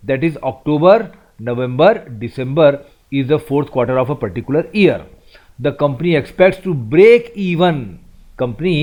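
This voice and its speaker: Man teaching phrases slowly. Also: on the high side, darkish tone. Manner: reads English examples slowly, explains quickly in Hindi. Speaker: English teacher. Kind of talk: bilingual vocabulary lesson.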